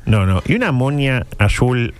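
A man's voice: medium pitch, big pitch swings, moderate pace. A man with a Uruguayan accent gives humorous, conversational commentary as a radio host, in a colloquial, digressive and mock-serious way. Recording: music playing behind the voice. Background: background music.

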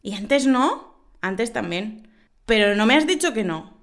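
A woman hosts a podcast lesson, reading out wordplay jokes and then explaining them. She giggles at her own jokes and jumps her pitch up to act out the characters in each joke. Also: lively intonation, a little slow, fairly bright tone. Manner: acts out joke voices with big pitch jumps. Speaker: Spanish teacher and podcast host.

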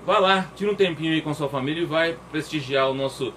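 A man's voice: on the high side, fast talker, a bit bright, a little hiss or hum. A man co-hosting a casual show, joking and reading sponsor plugs. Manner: playful, laughing banter. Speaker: co-host.

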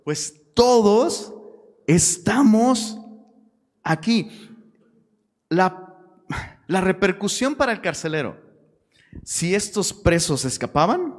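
A man with a Mexican Spanish accent preaches a relaxed Bible study, full of street slang and sudden shouted points. His voice sits a little high for a man. The sound carries a long reverb, as in a hall. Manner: lively, slangy, with sudden shouted emphasis and quick asides. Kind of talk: casual Bible-study sermon.

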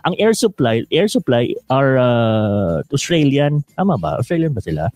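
Chatty, animated male host. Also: medium pitch, unhurried, no room sound. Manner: chatty, laughs often, many fillers. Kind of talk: casual interview reading viewer questions.

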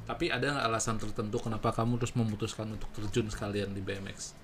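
A man's voice: on the low side, little pitch movement, fast, a bit bright, soft background music. A man with an Indonesian accent hosting a casual livestream interview, informally prompting with questions. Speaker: host.

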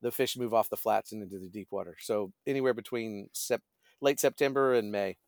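A man's voice: lowish voice, fairly even intonation, a little fast, no room sound, clean studio sound. Middle-aged man telling rambling stories. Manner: rambling, searches for words. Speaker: pastor and fishing guide, guest. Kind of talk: casual conversational storytelling.

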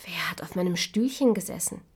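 A woman's voice: mid-range voice, expressive, brisk, a little mellow, breathy edge. A woman voicing seven small, kind but fussy dwarf men in a storybook reading, asking puzzled questions, sometimes in a whisper.

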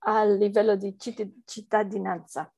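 A woman's voice: medium pitch, flat delivery, unhurried, warm tone, no room sound. A woman researcher with a foreign accent, answering interview questions hesitantly as she searches for words in a language that is not her first. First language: not Italian, speaks it as a foreign language.

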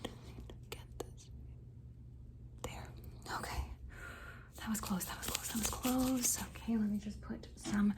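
A woman doing an ASMR whispered role-play as a face examiner, with fast, repetitive, insistent patter in a breathy, mostly unvoiced whisper close to the mic. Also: on the high side, fairly even intonation.

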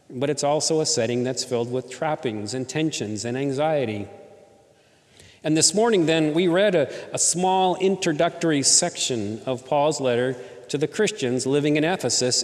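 Male pastor, slightly high voice, chatty sermon delivery with rhetorical questions, long hall reverb. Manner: conversational preaching with rhetorical questions. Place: church in Southern California.

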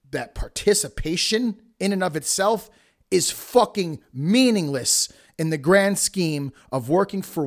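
Higher-pitched man giving blunt motivational tough love. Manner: forceful, emphatic, heavy swearing; preachy, addresses listeners directly. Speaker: podcast host.

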